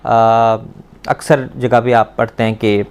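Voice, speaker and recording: A man's voice: medium pitch, little pitch movement, darkish tone, clean tone. Male Persian teacher, drilling children patiently with questions. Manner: patient, repeats words slowly to drill pronunciation; asks the pupils questions and praises answers.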